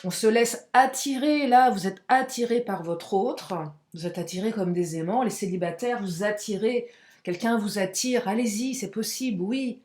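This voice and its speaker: A woman giving a casual, chatty tarot card reading to her viewers, expressive and frank, with frequent exclamations. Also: mid-range voice, normal speed, echoey room. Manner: frank and outspoken. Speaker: tarot and oracle card reader.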